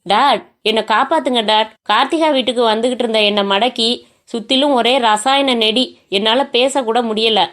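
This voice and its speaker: A woman's voice: a little high, normal speed, fairly bright tone, close to an everyday voice. A woman voicing a terrified young woman held captive, who pleads in a panicked way. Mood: panicked pleading.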